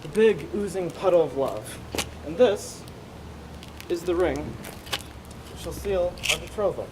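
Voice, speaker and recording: A man playing a vain, wealthy young gentleman suitor in a stage comedy, speaking in a pompous, self-satisfied way. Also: high-pitched, expressive, measured pace. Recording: noisy stage recording, distant microphone.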